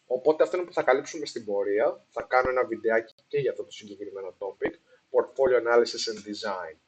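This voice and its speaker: Speaking at a medium pitch with a breathy edge, the host of an investing video talks casually, dropping in English expressions and often restarting or using fillers. His audio is of poor quality, which he apologizes for.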